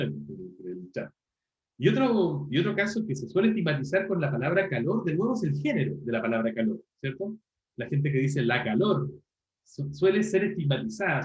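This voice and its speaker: Teacher lecturing on a lo-fi call. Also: male voice, fairly high pitch, a little mellow, reverberant. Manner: explanatory, repeats words as he thinks. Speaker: university language teacher. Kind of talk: online class lecture.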